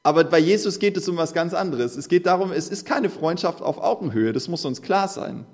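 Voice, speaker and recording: A man preaching a conversational sermon, earnest, slowing down and stressing words when he reads scripture. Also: fairly high pitch, animated.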